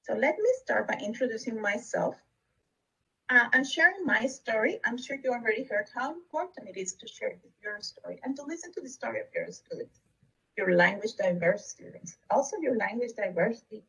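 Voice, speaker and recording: A woman presents a recorded webinar in an earnest, steady way. Her voice sits a little high and sounds husky and breathy. She is recorded from a bit back from the microphone. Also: brisk, distant mic, poor audio. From Costa Rica. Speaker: district education leader.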